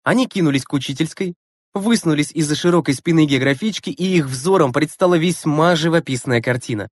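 An audiobook narrator reading a school story with expressive storytelling. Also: medium pitch, brisk, dry recording. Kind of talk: scripted narration.

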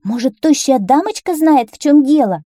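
A woman voicing a crowd of townsfolk and children who exclaim excitedly. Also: high voice, moderate pace, no echo, studio quality, voice pushed up. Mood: puzzled.

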